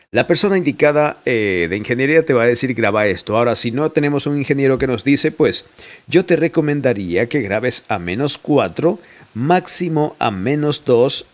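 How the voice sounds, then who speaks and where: A man talks through an audio recording tutorial in a relaxed, chatty way. He keeps checking in with the listener and laughs easily, his voice sitting at an ordinary middle pitch close to the mic. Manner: chatty, asks listeners questions, laughs often. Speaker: audio editing instructor. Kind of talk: casual screen-recorded tutorial. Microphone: studio microphone at close range.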